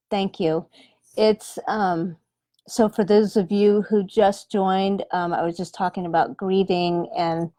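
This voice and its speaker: A woman in her forties, a medium on a live stream, speaking gently with many pauses and ums. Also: fairly low pitch, no echo, studio quality. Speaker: animal communicator and medium. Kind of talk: live-stream chat with viewers. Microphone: webcam or phone livestream.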